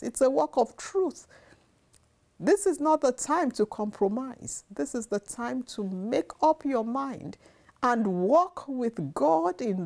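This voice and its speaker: Earnest woman preaching slowly. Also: fairly high pitch, dark tone. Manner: earnest, repeats phrases for emphasis. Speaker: devotional speaker. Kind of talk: devotional sermon to camera. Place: living room, seated on sofa. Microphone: lapel mic.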